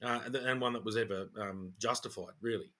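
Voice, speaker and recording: A man's voice: fairly low pitch, steady tone, fairly quick, a bit bright. A middle-aged Australian man co-hosting a podcast in casual chat, with a blokey working-man manner full of slang. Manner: laid-back, blokey Aussie working-man talk with slang. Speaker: podcast co-host.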